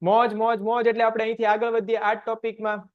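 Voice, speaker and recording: A man teaching a science class online, asking quick questions and answering them himself. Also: high-pitched, completely flat delivery, muffled recording.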